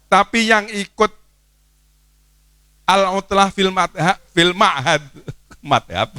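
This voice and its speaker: Man teacher, coaxing crowd of kids; bright, slightly high voice. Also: clean tone, dry recording. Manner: playful, coaxing, asks the crowd questions. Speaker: teacher addressing students. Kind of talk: lively speech to children at an opening event. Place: boarding school hall.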